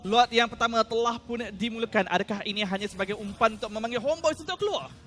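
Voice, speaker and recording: A man's voice: very high-pitched, quick pace, a bit bright, soft background music. A Malaysian man giving articulate strategic commentary on a live esports match, phrased fairly formally with rhetorical questions. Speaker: esports analyst caster.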